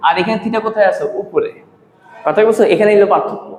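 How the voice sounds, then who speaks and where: A man teaches a math lesson in a high, light voice. He keeps repeating the terms and firing quick questions at his students. His voice rings through a reverberant room with a long echo trailing behind it. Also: darkish tone. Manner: uses rhymes as memory aids. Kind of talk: classroom math lecture.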